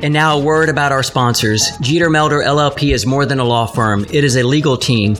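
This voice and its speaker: A podcast host with a mid-range, fairly bright voice opens with a scripted introduction and a sponsor read. He then moves into a casual interview, taking the interviewer's role.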